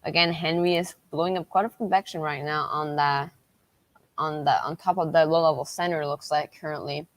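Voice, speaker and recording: A woman hosting a livestream as a weather tracker, talking through storm updates unscripted in a halting, repetitive way. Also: deep voice, steady tone, no echo.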